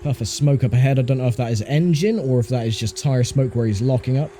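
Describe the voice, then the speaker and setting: A man's voice: mid-range voice, fast, mellow. A man giving casual, conversational commentary while he plays a racing game, with mildly grumbling asides. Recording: faint car engine noise behind voice. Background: racing game engine sound.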